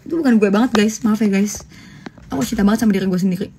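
A woman's voice: medium pitch, fairly even intonation, quick pace, dark tone. A young woman in her twenties chatting casually on a phone livestream, answering follower questions with jokes and bursts of laughter. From Indonesia.

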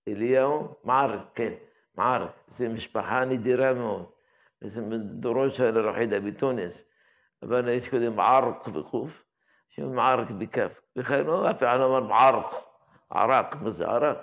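Older male yeshiva head, gravelly voice, reminiscing lesson. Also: medium pitch. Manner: unhurried, reminiscing, with restarts. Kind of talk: daily religious lesson, telling anecdotes.

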